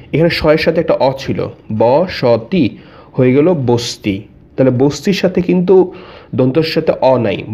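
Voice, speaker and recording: A man's voice: medium pitch, a little mellow. A man teaching an exam-prep grammar lesson, explaining step by step, repeating each example and answering his own questions.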